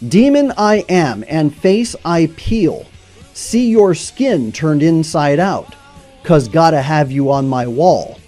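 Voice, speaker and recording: A man mimicking someone reciting song lyrics in a slow monotone. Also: on the high side, soft background music, voice pushed up. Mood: deadpan.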